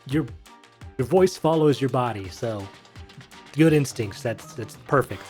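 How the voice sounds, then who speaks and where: A man's voice: mid-range voice, lively intonation, measured pace, darkish tone, soft background music. Chatty man explaining voice acting. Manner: chatty, rambling, self-correcting asides. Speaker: voice actor explaining technique. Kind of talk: casual instructional commentary.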